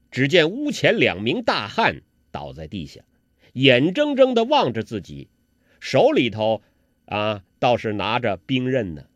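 A man narrating a martial-arts story in a lively, animated storytelling manner. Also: mid-range voice, dry recording.

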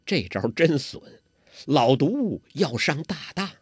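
A man's voice: fairly high pitch, very animated, slow pace, breathy edge, no room sound, clean studio sound, exaggerated voice. A man doing an earnest young disciple. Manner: plain, respectful, questioning. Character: earnest, simple-hearted young male disciple.

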